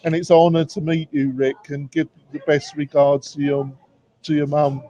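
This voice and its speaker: A man's voice: on the high side, little pitch movement, moderate pace, mellow. A man co-hosting a live online show, speaking earnestly and praising others. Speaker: co-host. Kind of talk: casual live-stream chat. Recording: dull lo-fi stream audio.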